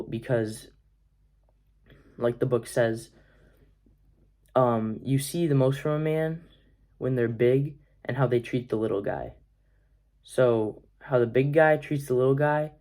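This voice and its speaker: A man's voice: mid-range voice, vocal fry, darkish tone. A young man vlogging, talking through a book summary in a casual, rambling way; he is congested. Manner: rambling, filler-heavy, earnest. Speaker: vlogger, athlete.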